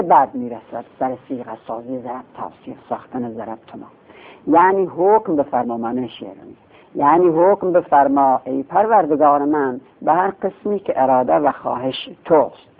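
Gravelly man teaching a lively grammar lesson. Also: fairly high pitch. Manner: explains step by step, asks and answers his own questions. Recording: tinny phone-like sound.

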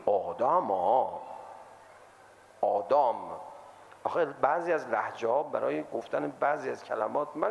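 Male religious lecturer, animated sermon delivery, high and very lively pitch. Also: gravelly. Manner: animated, acts out quoted voices.

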